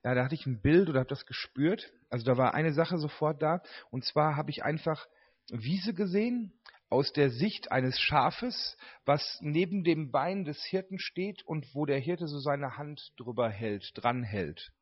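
A man's voice: fairly high pitch, animated, a little slow, breathy edge. A man in a group reading his written reflection aloud, then describing what he pictured. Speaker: participant. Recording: dull lo-fi sound.

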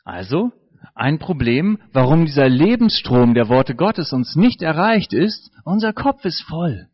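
A man's voice: fairly high pitch, big pitch swings, measured pace, breathy edge, dry recording, highs cut off. A man preaching a sermon in a conversational way, joking and putting questions to his audience.

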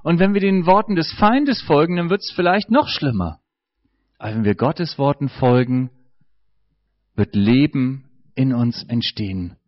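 A man's voice: medium pitch, expressive, a little slow, no echo, highs cut off. A man preaching a sermon in a conversational way, joking and putting questions to his audience.

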